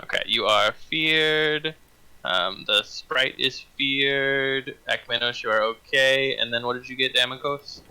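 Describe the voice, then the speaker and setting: A man's voice: mid-range voice, unhurried, sharp tone, clean tone, low-quality recording. A man running a tabletop fantasy game as game master, narrating scenes and calling out rolls.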